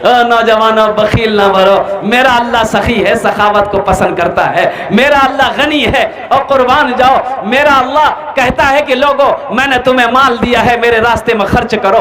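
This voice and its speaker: Male preacher, very high voice, comic storyteller who slips into character voices. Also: normal speed, few pauses, roomy sound, a crowd in the background. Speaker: maulana preacher. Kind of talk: humorous sermon with acted anecdotes.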